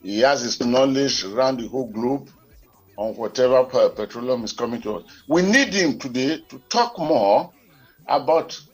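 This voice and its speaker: A man's voice: mid-range voice, animated, moderate pace, breathy edge, faint music behind. A Nigerian man co-hosting a radio current affairs show, heard over a telephone line, talking in a formal, wordy and digressive way. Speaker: radio talk show co-host.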